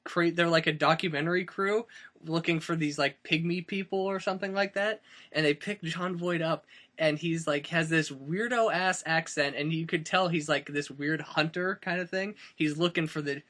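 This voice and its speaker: A man's voice: on the high side, moderate pace, fairly bright tone. A man in his twenties co-hosting a casual podcast in a friend's house, rambling with plenty of fillers and restarts. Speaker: podcast co-host. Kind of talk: casual chat.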